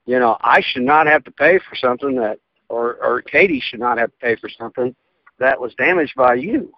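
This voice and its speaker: A man's voice: medium pitch, fairly quick, no echo. A man heard over a landline phone call, arguing indignantly and stumbling over his restarts. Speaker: prank call target. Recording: muffled phone line.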